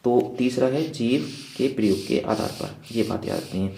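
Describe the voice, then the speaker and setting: A male teacher runs through an exam revision lecture, firing rhetorical questions and checking in after each point. His voice is mellow and warm in tone. The sound bounces around an echoey room. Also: mid-range voice, normal speed, creaky, slight background noise.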